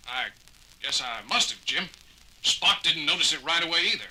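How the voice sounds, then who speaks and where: An actor playing a gruff, worried male ship's doctor who talks in a blunt, harried way. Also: fairly high pitch, expressive, normal speed, sharp tone, rough recording.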